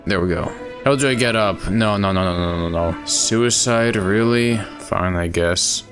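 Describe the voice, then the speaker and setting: A young man giving excitable, profane, self-mocking commentary while playing a video game. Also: deep voice, a little slow. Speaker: gamer playing through a game. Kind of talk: let's-play commentary. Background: game music.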